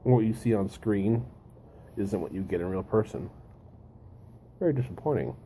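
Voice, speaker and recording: Male host, deep-voiced and deliberate, musing over readings with pauses, faint-to-clear ambient noise behind. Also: mellow. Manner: deliberate, pausing, repeats phrases for emphasis. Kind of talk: reflective monologue, reading and commenting.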